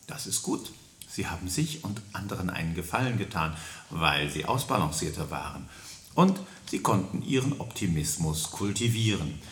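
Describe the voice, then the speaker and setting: Low-voiced man coaching a singing warm-up. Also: animated, normal speed, echoey room, slight background noise. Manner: coaching, demonstrates sung vowels and syllables in high falsetto. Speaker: singing teacher. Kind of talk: vocal warm-up lesson.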